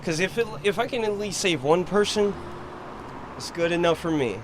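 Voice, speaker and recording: A man's voice: high voice, animated, moderate pace. A man sharing his personal testimony, earnest, on a bench outdoors. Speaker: shelter guest sharing testimony. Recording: outdoor traffic noise.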